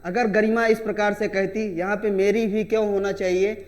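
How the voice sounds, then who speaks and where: A man's voice: high voice, little pitch movement, normal speed. A man teaching a Hindi grammar lesson to students, repeating key phrases and calling them children.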